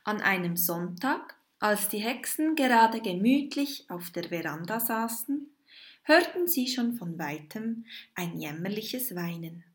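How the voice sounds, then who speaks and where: A woman reads a children's story very slowly and with great care. Her voice rises and falls a lot, sits a little high, and often drops to a breathy whisper for effect. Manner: very slow and lively, with sudden soft whispers.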